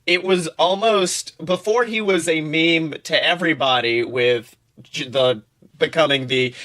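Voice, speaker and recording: A young adult man co-hosts a podcast in a bright, forceful, slightly high voice, chatting casually and comedically. He's animated and slangy, swears freely, and delivers silly points with mock seriousness.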